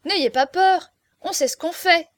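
A woman reading aloud, voicing an excitable young male servant who shouts boastful announcements. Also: very high voice, unhurried, no room sound, voice pushed up. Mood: boisterous. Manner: loud, breathless exclamations.

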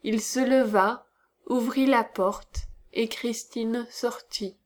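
A woman narrates a classic novel in a measured, dramatic reading. Her voice sits a little high and she takes her time over each phrase. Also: steady tone.

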